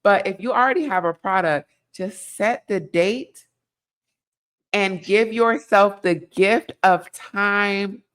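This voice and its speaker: A woman's voice: medium pitch, slow, fairly bright tone, smooth. A woman speaking as a guest business coach in a casual interview, direct and pushy, with casual slang.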